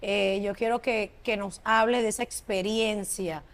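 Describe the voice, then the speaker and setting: A woman's voice: medium pitch, fairly even intonation, unhurried. A woman hosting an interview, greeting her audience and her guest in an effusive, admiring way. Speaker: host. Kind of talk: casual interview.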